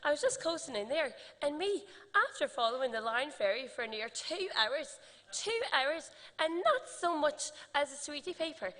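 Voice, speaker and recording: A woman's voice: sits high, animated, normal speed, few pauses, bright, forceful tone, in a large hall, pitched above the performer's own voice. A woman putting on a cheeky Irish seagull. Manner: sing-song stage accent.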